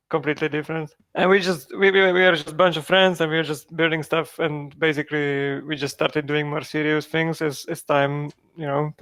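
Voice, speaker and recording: A man's voice: a little high, a bit bright. A man, a project founder from Czechia, answering interview questions in a rambling way with many fillers and restarts.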